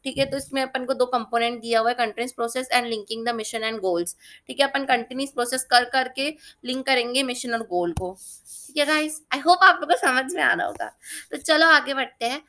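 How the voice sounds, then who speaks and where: A woman's voice: fairly high pitch, sharp tone. A woman tutor giving a casual spoken lesson, chatty and often checking that her students are following. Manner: chatty, keeps checking "theek hai?" and uses everyday examples. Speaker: exam-prep tutor.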